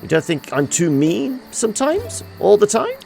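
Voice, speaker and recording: A man's voice: sits high, huge pitch swings, moderate pace, gravelly, darkish tone, pitched above the performer's own voice, heavily acted. Man reading as a vain, teasing clever woman. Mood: smug, teasing. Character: witty, vain woman of the mind, fishing for compliments. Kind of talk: game dialogue read aloud. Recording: music behind the voice.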